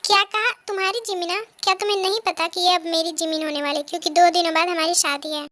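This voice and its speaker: A woman's voice: extremely high pitch, steady tone, fast, sharp tone, dry recording. A woman voicing a smug young man who taunts his rival in love, in a fan-fiction dub. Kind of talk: Hindi fan-fiction dubbing.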